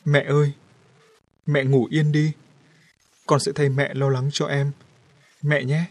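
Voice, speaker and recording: A husky-voiced man voicing a grief-stricken young woman who pleads through tears in a horror audiobook. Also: medium pitch, steady tone, normal speed, no echo, close to an everyday voice. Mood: tender. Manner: pleading, sobbing cries.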